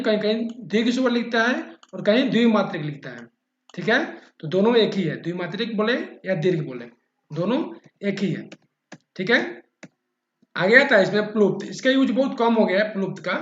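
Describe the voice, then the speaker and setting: A man with a high voice explains grammar step by step, repeating key words and checking that his listeners follow. His voice bounces around an echoey room. The recording sounds dull and muffled. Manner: patient, repeats key terms and checks in often. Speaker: teacher.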